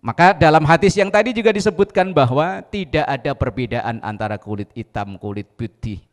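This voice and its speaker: A man's voice: fairly high pitch, animated, a little fast, in a large hall. A man with an Indonesian accent, a preacher who quotes Arabic verses and explains them with small jokes on a religious TV talk show. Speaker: Islamic preacher. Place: TV studio.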